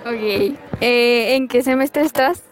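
Slow high-voiced young woman interviewer. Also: a crowd in the background. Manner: brief questions, giggly. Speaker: student interviewer. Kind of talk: casual interview.

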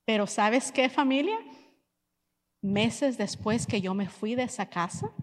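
A woman delivers a sermon as a lively personal story, slipping English phrases into her speech. Her voice sits a little high and carries the long reverb of a church hall. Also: measured pace. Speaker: pastor's wife and preacher.

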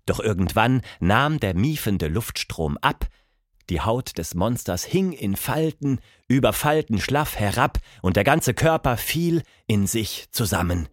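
A man narrating a children's audiobook with expressive, dramatic storytelling. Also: on the low side, unhurried, dry recording, clean studio sound.

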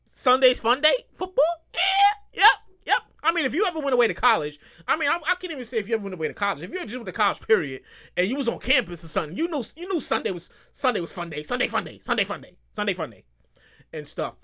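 A fast-talking man in his thirties, with an extremely high-pitched voice, hosts a casual solo podcast. He rambles, curses, circles back to the same things, and animatedly acts out quotes.

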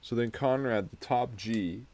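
A man's voice: mid-range voice, measured pace, a little mellow. A young man co-hosting a podcast, casually retelling a film's plot in a rambling, profane way with frequent laughs. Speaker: podcast co-host. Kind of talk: casual film discussion.

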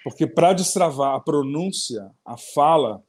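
Lively Brazilian man hosting an interview. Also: fairly high pitch, a little slow. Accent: Brazilian Portuguese. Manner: lively, laughing, talks to viewers directly. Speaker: interview host. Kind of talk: casual interview chat.

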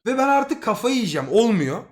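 A young man streaming and telling a story to his live chat in a casual, slangy and excitable way, swearing freely as he goes. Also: very high voice, fairly quick.

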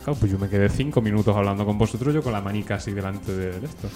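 A man's voice: lowish voice, racing, warm tone, soft background music. A man, co-hosting a podcast and telling a story in casual chat, acting out the quotes. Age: 20s. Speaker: podcast co-host.

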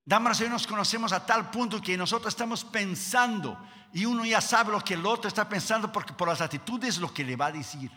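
A male preacher with a high, strikingly bright, piercing voice, delivering a dramatic sermon. He shifts between emphatic declarations and hushed, lowered asides. The sound rings with a long church hall reverb. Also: a little fast. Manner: dramatic, acts out quotes in lowered voices, drops to a hush.

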